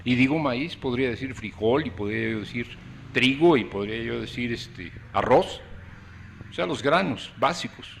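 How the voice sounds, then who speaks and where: A man's voice: medium pitch, normal speed, vocal fry, a little hiss or hum. A man giving an interview answer in an emphatic way, posing rhetorical questions.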